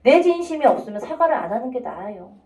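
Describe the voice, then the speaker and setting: A woman's voice: a little high, very animated, fast talker, darkish tone. A woman teacher giving a chatty classroom lecture, often acting out students' voices. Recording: echoey classroom from a distance.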